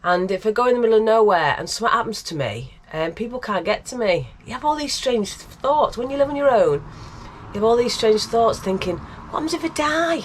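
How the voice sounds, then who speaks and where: Chatting about narrowboat life on a canal, this woman pokes fun at herself, laughs a lot, and sounds congested from a cold. Her voice runs a little high, brisk and expressive, with a slightly rough edge.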